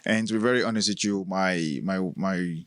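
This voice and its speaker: A man's voice: low voice, normal speed, no room sound, clean studio sound. A middle-aged man from Cameroon with a Cameroonian accent, telling stories as a podcast guest and laughing often. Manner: laughs often, storytelling, relaxed. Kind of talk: casual interview chat.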